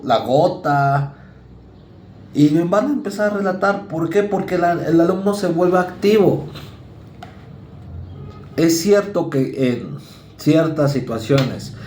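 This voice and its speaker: Recorded in an echoey room with a little hiss or hum, this psychology lecture features a Mexican man whose voice sits on the high side with a darkish tone. The university lecturer, speaking with a Mexican Spanish accent, keeps things conversational and slips in quick impressions of students and parents.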